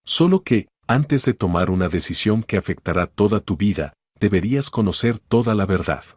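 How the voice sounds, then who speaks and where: A man reading the lines of a practical, calm older sister who gives measured advice in a narrated story. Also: fairly low pitch, husky, no echo. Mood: calm, concerned.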